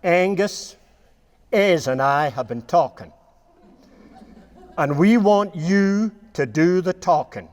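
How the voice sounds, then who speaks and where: A man's voice: high-pitched, expressive, takes it slowly, pauses often, a little mellow. A Scottish man impersonating a tall, easygoing American cattleman, putting a light American drawl over his own accent, at a talk before an audience. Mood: friendly. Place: talk in front of a live audience in a room.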